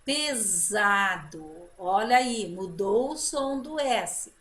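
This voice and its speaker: A woman teacher giving a children's phonics lesson, drawing out example words slowly and praising her pupils. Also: on the high side, big pitch swings, fairly bright tone. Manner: slow drawn-out model words, encouraging teacher talk.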